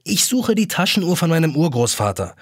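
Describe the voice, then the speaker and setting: Brief: man doing a hot-headed young boy in a storybook, high, husky, lively and impatient. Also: a little fast, no room sound, clean studio sound. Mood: pleading. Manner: impatient, snaps and shouts. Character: impatient stubborn young boy, quick to anger.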